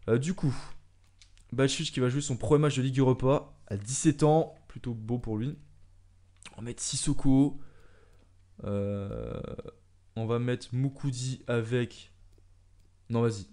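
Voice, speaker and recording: A young man commentating his own soccer video game match, swinging from calm musing to loud excited shouts when the action heats up. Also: medium pitch. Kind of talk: excited let's-play commentary.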